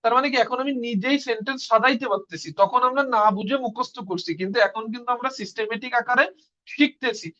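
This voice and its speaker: High-voiced man teaching a class, dull audio. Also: fast talker, sharp tone. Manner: explains step by step, asks and answers his own questions. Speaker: Russian language teacher. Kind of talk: online class lesson.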